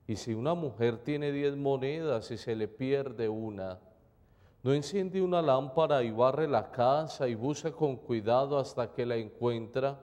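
A man from reads the gospel at Mass in an unhurried, measured, solemn way. His tone is dark and mellow. A long cathedral echo trails every phrase. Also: mid-range voice. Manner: slow, measured, solemn reading. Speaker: priest. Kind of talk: liturgical gospel reading and homily. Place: large church during Mass. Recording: long church reverb.

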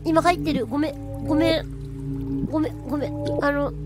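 A woman streams a game with playful, apologetic commentary and mock pleading. Her voice is very high and girlish in pitch, with clear music behind it. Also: steady tone, normal speed.

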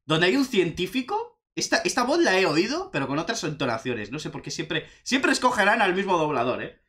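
A young man with a Spanish accent from Spain, chatting excitedly as he reacts to a video game trailer. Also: high voice, a little fast. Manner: excitable, chatty, says "tío" often. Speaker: gaming youtuber reacting to a trailer.

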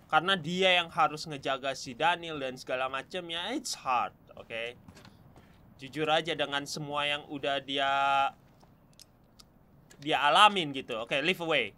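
A young man with an Indonesian accent giving casual, animated commentary as he streams a game. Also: on the high side, moderate pace. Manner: animated reactions, mixing Indonesian and English. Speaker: gaming streamer. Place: indoor room, webcam stream.

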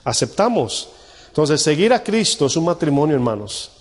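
A man's voice: a little high, very animated, moderate pace, in a large hall. A male pastor preaching a sermon to his congregation, speaking conversationally and often putting rhetorical questions to the listeners.

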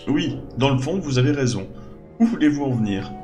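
A man's voice: medium pitch, lively intonation, brisk, mellow, soft background music, pitched above the performer's own voice, lightly acted. A man voicing an earnest, learned excavator who explains things formally in a fantasy video game. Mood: regretful. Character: earnest male scholar excavating ruins, sober, learned.

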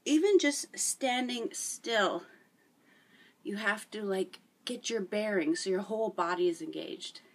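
A middle-aged woman talks slowly and chattily while exercising, out of breath and cheering the viewer on. Her voice sounds set back from the mic, caught by a camera across a room at home. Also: mid-range voice. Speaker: fitness vlogger. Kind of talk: casual workout demonstration. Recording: voice from a distance.

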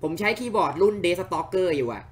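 A man's voice: sits high, normal speed, a little hiss or hum. A man streaming a video game, chatting casually in a rambling, apologetic way as he plays. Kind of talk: casual let's-play commentary. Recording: faint game music behind.

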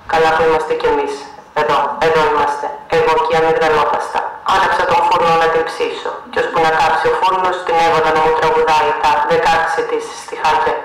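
A man's voice: a little high, a bit bright. A man voicing a boastful, menacing male dictator, gloating and mocking during a live reading. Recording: echoey venue, mic far off.

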